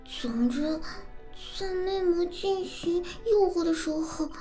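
A woman voicing a clumsy, flustered succubus who acts tough in a halting, breathy ASMR role-play. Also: very high-pitched, dark tone, faint music behind. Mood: bossy, proud. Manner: breathy, halting, tsundere bluster.

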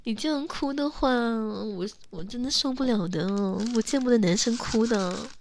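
A young woman acting a teasing, coaxing young woman who calls herself big sister, in an intimate role-play audio spoken close to the mic with soft whispers. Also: mid-range voice, steady tone, unhurried, no room sound, natural voice.

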